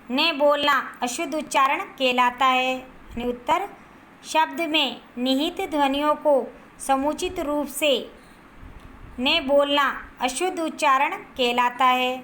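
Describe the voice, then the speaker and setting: A woman teacher giving a grammar lesson to first graders, repeating each word and answer slowly so they can write it down. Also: high-pitched, a bit bright, slight background noise.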